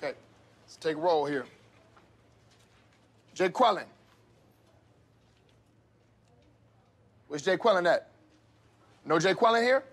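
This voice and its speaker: A man playing a strict, combative middle-aged substitute teacher from an inner-city school in a comedy sketch, stern and husky as he barks at the class. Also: on the high side, expressive, normal speed, fairly bright tone. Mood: stern, suspicious. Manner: stern substitute teacher barking roll call.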